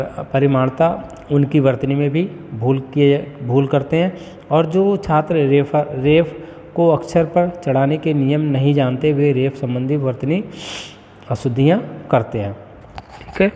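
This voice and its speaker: A man giving a spoken lesson, explaining slowly and deliberately, with a frequent "okay" as he moves between points. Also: mid-range voice, dark tone, big-room sound, slight background noise. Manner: slow, deliberate word-by-word explanation with frequent "ठीक है". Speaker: teacher.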